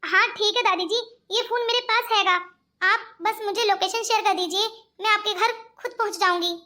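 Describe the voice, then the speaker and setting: Woman doing an earnest, honest cartoon girl, very high bright voice. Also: steady tone, moderate pace. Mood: polite. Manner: polite and earnest. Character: poor honest young woman. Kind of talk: cartoon voice acting.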